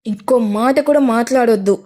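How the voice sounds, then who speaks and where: A woman's voice: fairly high pitch, moderate pace, lightly acted. Woman voicing a furious bossy young man. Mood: commanding. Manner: harsh shouting orders. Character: angry domineering young man, the heroine's boss.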